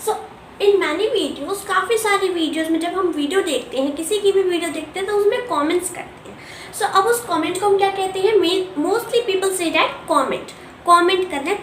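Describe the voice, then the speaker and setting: A young woman with an Indian accent teaching a spoken English lesson, mixing Hindi and English and repeating words slowly to model pronunciation. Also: very high voice, a little hiss or hum. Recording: echoey room, voice from a distance.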